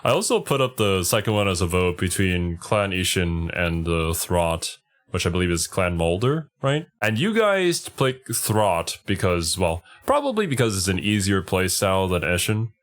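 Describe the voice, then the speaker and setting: Man, low-pitched, casual streamer commentary, chatty reactions, short agreeing interjections. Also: animated, normal speed.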